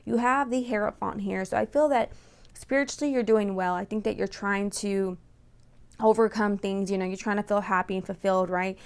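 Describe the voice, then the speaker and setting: Creaky-voiced woman reading tarot, close-miked. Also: mid-range voice, steady tone, normal speed. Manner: informal, chatty, often checking in with "right?" and "you know". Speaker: tarot reader and channel host. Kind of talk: casual tarot card reading to viewers. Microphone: close microphone.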